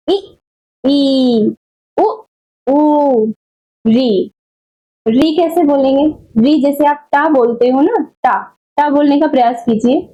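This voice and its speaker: A woman teaching a Hindi grammar lesson, explaining slowly and deliberately and correcting common mistakes. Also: high-pitched, warm tone, lo-fi sound. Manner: slow, deliberate explaining with repeated checks; corrective, scolding about wrong teaching. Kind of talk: exam-prep grammar lesson.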